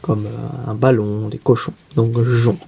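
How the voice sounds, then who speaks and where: A man teaching young children to read, explaining each card slowly and patiently and asking questions as he goes. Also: medium pitch, flat delivery, vocal fry, mellow, husky. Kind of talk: reading lesson for young children.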